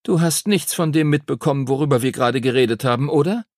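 A man's voice: mid-range voice, quick pace, darkish tone, no echo, studio quality, pitched above the performer's own voice, natural voice. A man voicing a know-it-all young boy pupil who explains things eagerly. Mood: teasing.

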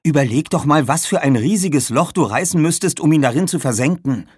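A man voicing a sharp-tongued girl apprentice mage in a high, tense storybook voice. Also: expressive, moderate pace, husky, dry recording, studio quality, full character voice.

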